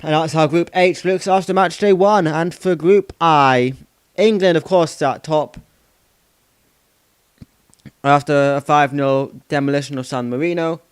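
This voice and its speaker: A man's voice: fairly high pitch, clear, resonant tone, no room sound. A man hosting a football channel, giving a casual results recap with many "of course"s and frequent stops to correct himself. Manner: rambling, self-correcting, repeats "of course".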